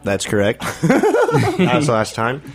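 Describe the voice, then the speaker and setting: A man from New York who is a guest on a radio talk show, chatting casually in a radio studio with dry, deadpan humor. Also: mid-range voice, a little slow, breathy edge. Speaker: guest, filmmaker.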